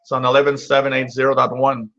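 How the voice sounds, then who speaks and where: A man hosting a casual live stream as a radio hobbyist, explaining things haltingly and answering viewers. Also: medium pitch, monotone, fairly bright tone. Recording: slightly dull, lo-fi stream audio.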